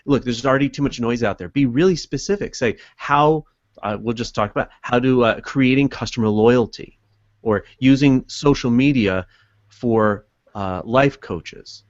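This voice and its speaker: A man guest on a live web show giving earnest advice in a halting way, with many fillers and restarts. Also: medium pitch, dry recording. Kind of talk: casual advice chat. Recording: dull lo-fi web stream audio.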